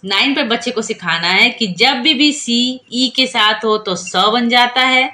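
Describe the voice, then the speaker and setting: A woman's voice: fairly high pitch, measured pace, pushed and bright. A woman teaching a phonics lesson, patiently explaining and repeating each rule and quizzing the viewer.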